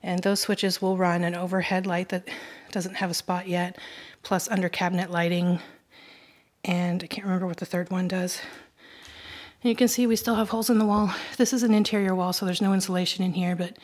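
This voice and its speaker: A woman's voice: on the low side, fairly even intonation, brisk, darkish tone. A middle-aged woman chatting casually through a home renovation update, pointing things out with frequent ums, filmed on a handheld phone in a kitchen. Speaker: homestead vlogger. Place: kitchen under renovation, indoors. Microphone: handheld phone camera at arm's length.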